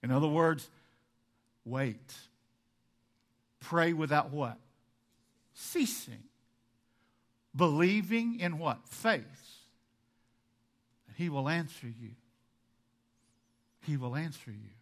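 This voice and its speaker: Bright, high-voiced preacher, swinging loud and soft. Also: male voice, slow pace, pauses often. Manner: animated, swings between loud emphasis and soft asides; acts out the congregation's objections. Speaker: pastor. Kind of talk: sermon.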